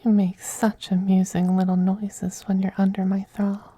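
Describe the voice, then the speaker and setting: Voicing a possessive, seductive male femboy vampire, a performer delivers intimate ASMR roleplay in a soft, breathy whisper that coaxes teasingly and gently dominates. The medium-pitched voice is monotone at a normal speed, with a hypnotic, soothing mood.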